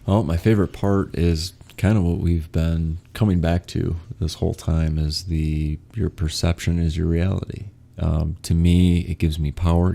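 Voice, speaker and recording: Young male podcast host, very low gravelly voice, mellow, loose chatty delivery full of fillers. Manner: relaxed, laughs often, many fillers. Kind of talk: casual conversational interview.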